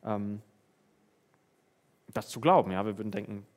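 A preacher delivers a sermon, reading Bible verses and talking conversationally with the congregation, often putting questions to them. His voice is fairly low and darkish, at a moderate pace.

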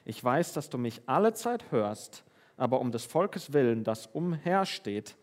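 Here a preacher with a medium-pitched, very animated voice talks a little slowly, reading scripture and chatting with his listeners, frequently asking them questions during the sermon.

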